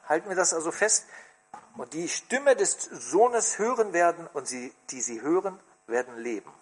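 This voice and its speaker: A man's voice: fairly high pitch, breathy edge. A man preaching a sermon in church, asking the congregation questions and reading scripture with expression.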